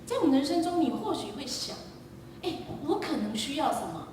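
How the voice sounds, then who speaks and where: A woman preacher giving a sermon, telling a lively story and quizzing the congregation. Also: high-pitched, fairly quick, a little hiss or hum. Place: church sanctuary. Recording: echoey church hall, distant mic.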